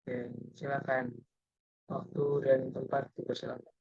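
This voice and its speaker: A young man playing a company representative in a role-played group assessment, talking haltingly with many filler sounds over a video call. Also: mid-range voice, monotone, vocal fry, husky, no room sound, dull audio. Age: young adult.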